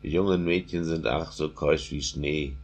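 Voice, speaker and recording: Man voicing a doting aging king, storybook verse, very deep voice, flat steady delivery. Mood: solemn. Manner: solemn, slow verse recitation.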